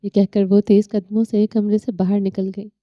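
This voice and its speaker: Woman narrator, audio novel, very dark mellow voice, dry close sound, slightly dull audio. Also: medium pitch, level tone, no room sound.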